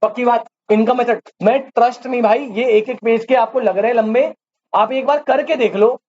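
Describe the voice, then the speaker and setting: Man teacher, very high voice, a quizzing, repetitive classroom lecture style. Dull recording with faint hiss. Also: steady tone, normal speed, darkish tone. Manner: quizzes students, repeats key terms, calls them "beta". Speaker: commerce teacher. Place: classroom with students.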